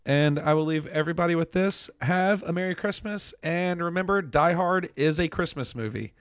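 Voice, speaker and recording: Smooth-voiced man hosting a podcast. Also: on the high side, moderate pace, no echo, clean studio sound. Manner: upbeat, joking. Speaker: podcast host. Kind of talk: casual podcast chat and sign-off.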